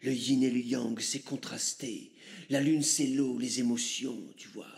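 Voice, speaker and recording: Man playing a dreamy shaman guru, low murmuring voice, half whispered, gravelly, drifting off mic. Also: steady tone, a little slow, darkish tone. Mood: dreamy mystical. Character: mystical male shaman guru, dreamy and hushed. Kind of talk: comic sketch monologue.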